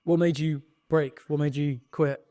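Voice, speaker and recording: A man's voice: a little high, steady tone, measured pace, dark tone, no room sound, studio quality. A man hosting a podcast interview, eagerly throwing in short follow-up questions. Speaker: podcast host. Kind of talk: conversational interview.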